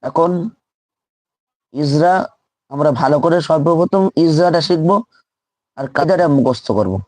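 A man's voice: fairly high pitch, normal speed, a little mellow, no room sound. A man teaching Quran reading in a live online lesson, drilling letters and syllables aloud and repeating each one patiently.

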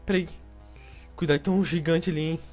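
A young man with a Brazilian Portuguese accent playing an online game with a friend, loud and excitable, yelling at the screen. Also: a little high, brisk, faint music behind. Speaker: gamer. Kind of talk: excited co-op gameplay chatter.

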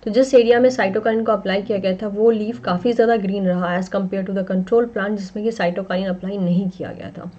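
A young woman with an Indian accent teaches botany for an exam-prep course. She explains in a steady, mid-pitched voice and keeps pausing on little connecting phrases. The recording is slightly dull and lo-fi. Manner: explains in mixed Hindi and English, frequent "that is" and "ठीक है". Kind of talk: online exam-prep lecture.

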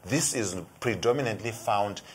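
A man's voice: lowish voice, moderate pace, slight background noise. A middle-aged man with a South African accent, a health expert explaining a supplement on a TV shopping show, eager and talking in long runs with many "you know"s. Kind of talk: TV shopping product talk. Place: TV studio set.

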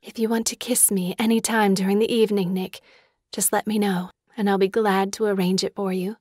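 A woman's voice: mid-range voice, little pitch movement, a little fast, darkish tone, breathy edge, no echo, studio quality, natural voice. A woman as coquettish, murmuring Daisy Buchanan. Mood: flirtatious, excited.

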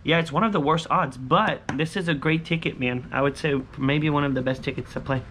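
A man's voice: a little high, a little fast, fairly bright tone. A man in his thirties chatting casually to viewers as host, in short, repetitive, informal phrases, recorded outdoors on a patio. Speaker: scratch-off lottery video host. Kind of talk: casual chat to viewers while scratching tickets. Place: covered outdoor patio by a pool. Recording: clear ambient background noise.

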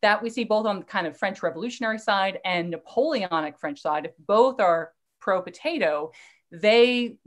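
A woman's voice: mid-range voice, normal speed. A middle-aged woman lecturer answering questions in a live online talk, eager and digressive, often restarting her sentences. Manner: enthusiastic, digressive, with fillers and restarts.

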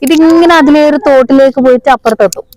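A woman's voice: sits high, fast talker, darkish tone, no echo. A woman chatting casually to vlog viewers, mixing English words into her Malayalam. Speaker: vlogger. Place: outdoors on a village road beside fields.

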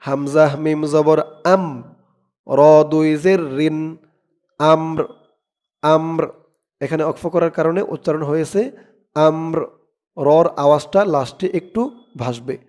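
Man, recitation teacher; fairly high, resonant voice; unhurried, patient delivery. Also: fairly even intonation, a little mellow. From Bangladesh. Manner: spells words letter by letter, then chants them slowly; explains in brisk spoken asides between recitations. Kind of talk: slow spelled-out recitation lesson.

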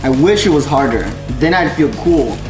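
A man's voice: fairly high pitch, animated, normal speed. Goofy, profane young male vlogger. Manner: profane, slangy, rambling and goofy. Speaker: cooking vlogger. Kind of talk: casual joking cooking vlog. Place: home kitchen, indoors. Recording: echoey kitchen with music.

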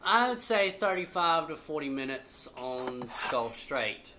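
A man's voice: on the high side, sing-song, slow pace. A man in his twenties giving a casual review as a video host, talking with chewing tobacco packed in his lip. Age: 20s. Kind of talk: casual product review chat. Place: living room at home, indoors. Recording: noisy home webcam recording.

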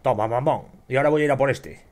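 A young man with a Spain Spanish accent commenting on his gameplay, excitable and swearing often as he shouts at enemies. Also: mid-range voice, quick pace. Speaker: gamer.

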